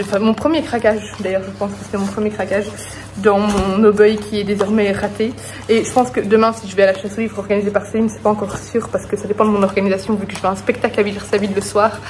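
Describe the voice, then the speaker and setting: A woman's voice: mid-range voice, darkish tone, slight background noise. A woman book vlogger chatting casually to camera at home, enthusiastic and full of small hesitations.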